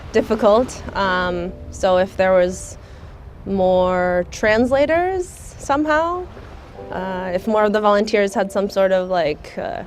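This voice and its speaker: A young American woman, speaking thoughtfully in a documentary interview, often pausing with "um" as she searches for words. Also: medium pitch. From United States. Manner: thoughtful, soft-spoken, many hesitations with um. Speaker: volunteer.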